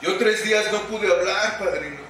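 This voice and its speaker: A man's voice: high-pitched, moderate pace, fairly bright tone. A Mexican man telling his recovery story at a group meeting, slangy and profane, acting out what people said. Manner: colloquial, profane, storytelling with acted quotes. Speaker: speaker sharing recovery testimony. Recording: echoey hall from far off, noisy.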